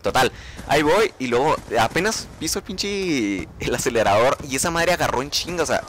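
A young Mexican man tells a story to his vlog audience at a rapid clip. His pitch sits mid-range, and he acts out his own reactions with plenty of swearing. A faint hiss runs under the recording. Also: expressive, fairly bright tone. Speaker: vlogger. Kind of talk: casual storytelling monologue.

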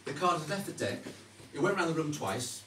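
Male magician, chatty card-trick patter, animated intonation, distant noisy live recording. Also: fairly high pitch, fairly quick, reverberant. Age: middle-aged. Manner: chatty, teasing, questioning asides to audience. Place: indoor stage before a small live audience. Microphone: distant audience camera.

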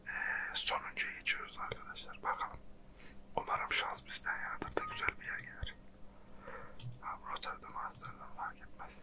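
A person speaking in a breathy close whisper, casually commentating on a geography guessing game in a slangy, self-mocking way. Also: normal speed, low-quality recording. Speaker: host. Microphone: close microphone.

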